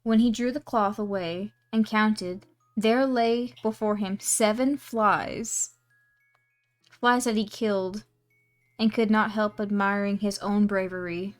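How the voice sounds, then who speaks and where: A woman's voice: medium pitch, fairly even intonation, slow, soft background music. A woman streamer casually reading a storybook aloud, giggling and adding asides on the text.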